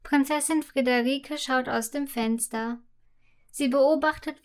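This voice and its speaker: Calm woman storyteller for a children's audio story; high-pitched and unhurried. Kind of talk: scripted children's story narration.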